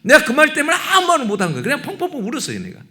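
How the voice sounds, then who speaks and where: A man's voice: extremely high pitch, wildly swooping pitch, very fast, pushed and bright. A middle-aged man preaching a sermon as pastor in a church, emotional and rising into passionate appeals full of rhetorical questions. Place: church sanctuary.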